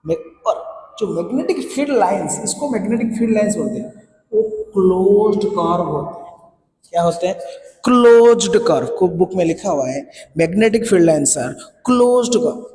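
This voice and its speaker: A man's voice: high voice, expressive, brisk, dark tone, a little hiss or hum. A man with an Indian English accent teaching a science class, repeating key points and quizzing students. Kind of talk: classroom lecture in Hinglish. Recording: echoey room with faint ambience.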